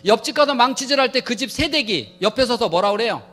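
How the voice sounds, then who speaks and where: A man lecturing humorously to a church audience, playful and animated, acting out everyday quotes as he goes. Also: extremely high pitch, quick pace, faint music behind.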